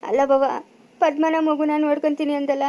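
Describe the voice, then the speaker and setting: A woman's voice: sits high, flat delivery, brisk, mellow, muffled recording, close to an everyday voice. A woman playing a guilty young village son in a family drama, speaking with a rural Chikkaballapura Kannada accent and pleading and protesting.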